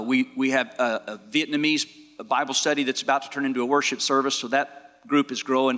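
A man's voice: mid-range voice, bright, forceful tone, in a large hall. A man, a pastor moderating a church panel in a friendly, joking, chatty way. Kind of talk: casual moderating at a church event.

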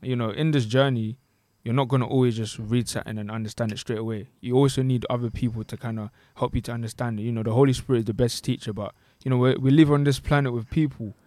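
A man's voice: medium pitch, steady tone, fast talker, hardly any pauses, dark tone, no echo. A young man with a London roadman accent, chatting casually and slangily as a podcast co-host. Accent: London, multicultural urban slang. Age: young adult. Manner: London roadman-style slang, frequent tag questions. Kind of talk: casual chat.

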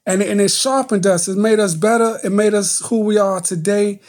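Laid-back male poet with a mellow voice. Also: sits high. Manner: relaxed, halting with restarts. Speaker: guest poet. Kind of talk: casual chat.

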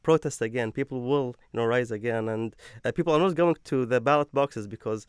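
A man's voice: mid-range voice, a little fast, smooth, no room sound, clean studio sound. A young man speaking as a panel guest, hesitant, with many fillers and repeated words. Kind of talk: panel discussion.

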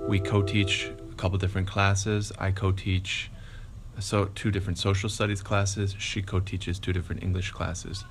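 Male teacher, very deep voice, monotone, gravelly, interview. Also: normal speed, soft background music. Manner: plain explaining, with fillers. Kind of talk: interview answer.

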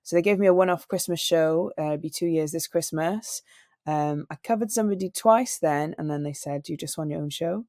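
A woman's voice: sits low, a little fast, a little mellow, no room sound. Young woman from wales chatting in an interview, earnest storyteller, dry close sound. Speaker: singer and radio presenter. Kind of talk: interview conversation.

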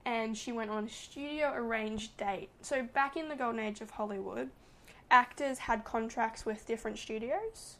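A woman's voice: a little high, moderate pace, bright, forceful tone. A woman co-hosting a podcast, chatting casually and gushing like a gossipy storyteller. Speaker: podcast co-host. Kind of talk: casual chat.

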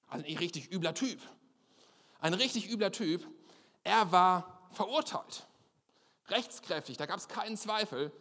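A young man preaching a sermon at a church service in a lively, emphatic, colloquial way. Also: sits high, long reverb tail.

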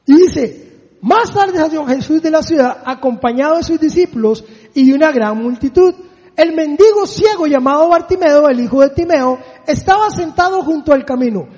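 A man's voice: very high voice, darkish tone, long reverb tail. A man preaching a sermon, often putting rhetorical questions to his listeners.

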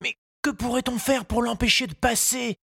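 A woman voicing a small, gentle, curious boy who asks eager questions. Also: fairly high pitch, fairly even intonation, moderate pace, gravelly, slightly rough, dry recording, clean studio sound, voice pushed up, heavily acted. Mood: upset, eager. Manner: eager, wide-eyed questioning.

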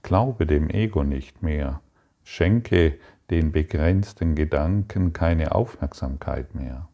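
A man leads a meditative spiritual talk in a very low, dark and mellow voice. He speaks slowly and gently, with long calm pauses between thoughts. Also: highs cut off. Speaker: spiritual teacher.

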